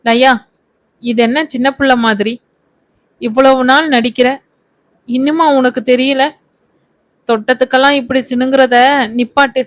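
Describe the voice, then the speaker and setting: A stern middle-aged mother from a spoken story, impatient and scolding, as a woman reads her lines. The voice sits a bit high with a narrow, even tune. It is recorded close and dry. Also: a little slow, pauses often, dry recording.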